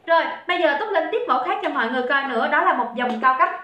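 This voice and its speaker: A woman's voice: high-pitched, expressive, very fast, bright, forceful tone. A young woman selling on a livestream, chatty and teasing as she reads out viewer comments. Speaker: livestream seller. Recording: echoey room, dull lo-fi sound.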